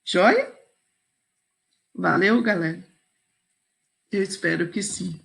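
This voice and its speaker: A woman's voice: lowish voice, slow pace, vocal fry, fairly bright tone. A woman teacher leading a video lesson, patiently walking students through exercises and checking in often with "ok?" and "certo?".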